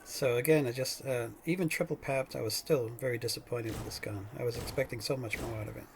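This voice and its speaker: A man's voice: mid-range voice, steady tone, fast talker, creaky, slight background noise. A man hosting a gaming channel, giving casual, rambling gameplay commentary full of fillers and restarts.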